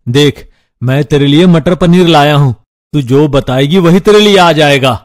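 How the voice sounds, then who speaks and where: A man's voice: fairly high pitch, normal speed, dry recording, natural voice. A man playing a doting elder brother, indulgent, dry close sound.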